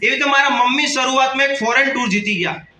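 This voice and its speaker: At a business seminar in front of an audience, a Kathiawadi Gujarati-accented man around 30 motivates the crowd with jokes and call-outs. A very high, pushed and bright voice with steady tone comes through at a quick pace, captured from a distance in poor, reverberant audio.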